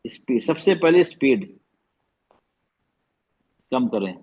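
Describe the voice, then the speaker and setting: A man's voice: mid-range voice, lively intonation, takes it slowly, darkish tone, breathy edge, highs cut off. A man teaching Quran recitation over a video call, explaining patiently, repeating terms and demonstrating the sounds. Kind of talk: online class lesson.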